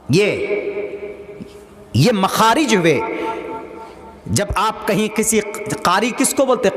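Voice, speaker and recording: A preacher man with a high voice teaches Quran recitation. He chants verses to show the right way, then scolds those who rush. The sound rings with a long reverb, as in a large hall. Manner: demonstrates recitation in chanted Arabic, then scolds in plain speech.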